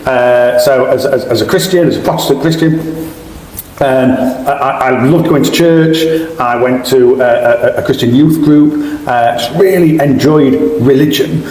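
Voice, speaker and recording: Middle-aged Sheffield man, podcast guest, halting restarts, long room echo. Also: mid-range voice, darkish tone. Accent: Sheffield English. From England. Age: 40s. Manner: frequent restarts and repeated words. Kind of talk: casual interview. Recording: echoey room with faint ambience.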